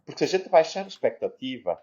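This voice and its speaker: A man's voice: on the high side, very animated, fast, darkish tone. A man, co-hosting a podcast and explaining ideas reflectively. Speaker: podcast co-host. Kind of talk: casual chat, explaining. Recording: slightly muffled lo-fi sound.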